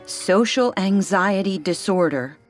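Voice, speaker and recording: A woman's voice: mid-range voice, animated, slow pace, faint music behind. A woman playing a fretful, insistent motherly aunt in a radio drama. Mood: fretting. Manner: worried, insistent.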